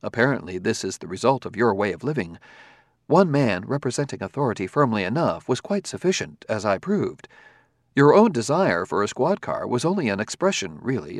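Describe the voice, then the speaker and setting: A man's voice: mid-range voice, no room sound, studio quality. A man voicing a polite, formal male humanoid robot who speaks precisely, with no contractions.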